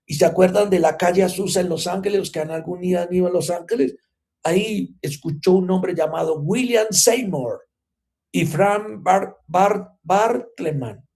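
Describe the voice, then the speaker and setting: A man teaching a church class on revival. His voice sits fairly high yet sounds mellow and warm, and he keeps drawing his listeners in with rhetorical questions. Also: moderate pace. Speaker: Bible teacher.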